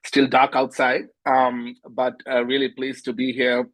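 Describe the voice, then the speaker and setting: A middle-aged man from Sri Lanka, a nonprofit founder speaking on an online panel in a measured way, with many fillers and restarts. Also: medium pitch, completely flat delivery, a bit bright, no echo, poor audio. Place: home, early morning.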